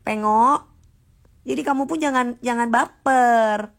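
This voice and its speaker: A woman's voice: fairly high pitch, moderate pace. Sassy, combative woman ranting on livestream. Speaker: livestream host. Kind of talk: casual livestream rant.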